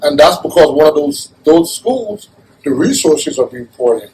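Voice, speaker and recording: A man's voice: a little high, sing-song, normal speed, a little mellow, slightly rough, low-quality recording. Earnest man from Jamaica. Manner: earnest, repeats himself, restarts phrases. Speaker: interviewee. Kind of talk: casual conversation.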